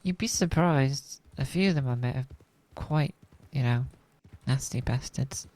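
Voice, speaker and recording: A woman's voice: extremely low pitch, measured pace, warm tone, a little hiss or hum. A woman speaking in character in a roleplay game, rambling and worried. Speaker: roleplay gamer.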